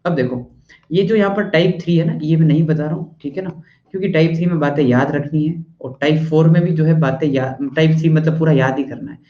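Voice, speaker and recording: A man's voice: on the high side, fast talker. A male teacher lecturing a class in a chatty way, stopping after each point to ask if the students follow, and at times scolding them bluntly. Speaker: math and physics teacher. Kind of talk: classroom lecture in Hindi-English mix. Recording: echoey room, dull lo-fi sound.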